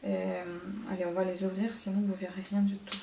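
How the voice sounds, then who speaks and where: A woman's voice: medium pitch, flat delivery, fairly quick, mellow, slight background noise. Woman beauty vlogger, casual haul chat, hesitant fillers, echoey room. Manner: chatty, many hesitant fillers.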